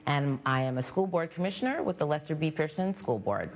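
A woman's voice: low-pitched, animated, fairly quick. A middle-aged woman from Montreal, a school board commissioner and parent, answering interview questions in a reflective, thoughtful way. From Montreal, Canada.

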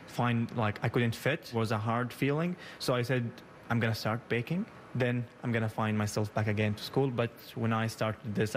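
In his bakery kitchen, a young bakery founder in his 20s, from Yemen and raised in Saudi Arabia, answers interview questions as a guest. He speaks hesitantly and haltingly, with frequent "uh"s and restarts, in a fairly low voice with a little hiss or hum.

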